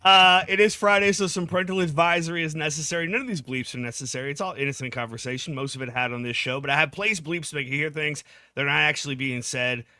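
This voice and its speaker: A man on a talk show reading an ad spot and wryly explaining the bleeps he added. His tone is bright and crisp, and the mic sounds close and dry. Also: fairly high pitch, quick pace, dry recording. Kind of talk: casual chat.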